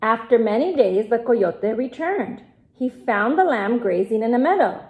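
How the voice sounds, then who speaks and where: A woman teacher reading a picture book aloud to her class, gentle and clear. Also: a little high, animated, measured pace, phone-quality sound. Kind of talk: read-aloud storytelling.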